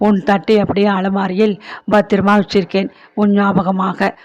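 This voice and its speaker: A woman reading the part of an aging, sick mother who speaks gently and consolingly in a storybook. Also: medium pitch, flat delivery, normal speed, highs cut off, natural voice. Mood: tender.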